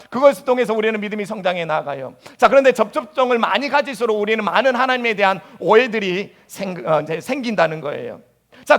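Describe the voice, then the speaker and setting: High-voiced male pastor preaching. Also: fairly bright tone. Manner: acts out anguished prayers in a high voice. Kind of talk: sermon. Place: church sanctuary.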